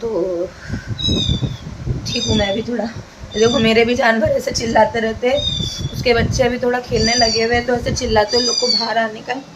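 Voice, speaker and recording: A woman's voice: a little high, steady tone, moderate pace, heavy background noise. A young woman, chatting emotionally and directly to her viewers in a casual home vlog, filmed on a phone camera indoors. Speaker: vlogger.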